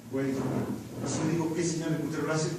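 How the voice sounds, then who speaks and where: Echoey far-off lab instructor. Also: male voice, fairly high pitch, little pitch movement, racing, over a noisy crowd. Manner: quizzes students, repeating the same question insistently. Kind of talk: classroom lecture with questioning. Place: large echoey lab classroom. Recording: echoey classroom from far off, background noise.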